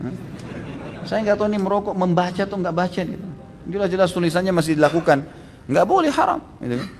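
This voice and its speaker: A man delivers a religious question-and-answer lecture at a brisk clip, with his voice carrying in a long hall reverb. He is animated and emphatic, jumping upward in pitch to hammer home each ruling. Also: slight background noise. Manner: animated, emphatic, rising sharply to stress rulings. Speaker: preacher answering audience questions.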